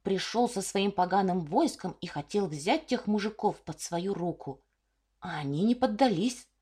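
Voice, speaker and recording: A woman voicing an earnest village girl in a storybook reading, eager and lively as she tells a tale. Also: medium pitch, moderate pace, breathy edge.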